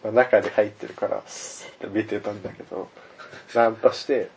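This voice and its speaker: Teasing man with short quick comebacks. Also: on the low side, fairly even intonation, a little hiss or hum. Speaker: podcast co-host. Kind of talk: casual chat.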